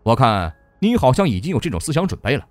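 A man voicing a stern, sarcastic male provincial governor who scolds in a sharp tone. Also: mid-range voice, big pitch swings, brisk, no echo, faint music behind, pitched below the performer's own voice, lightly acted.

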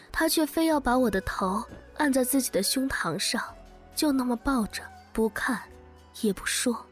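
A woman narrating a romantic story in the first person, emotional and breaking into tearful cries in the spoken lines. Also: fairly high pitch. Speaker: audiobook narrator.

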